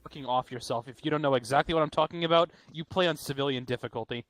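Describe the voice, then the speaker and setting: A man's voice: medium pitch, quick pace, fairly bright tone. A young man in a squad voice chat, bantering with friends in a profane, mock-boastful way over a headset. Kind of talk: casual gaming banter.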